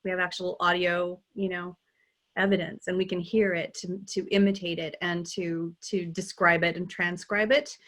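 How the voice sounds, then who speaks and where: A woman, a dialect coach, talking in a relaxed interview, animated and laughing often, with many restarts. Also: on the low side, moderate pace. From United States. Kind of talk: conversational interview.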